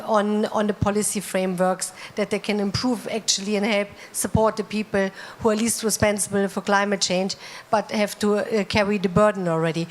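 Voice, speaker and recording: A woman moderating a panel discussion, speaking in an earnest, emphatic way. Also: medium pitch.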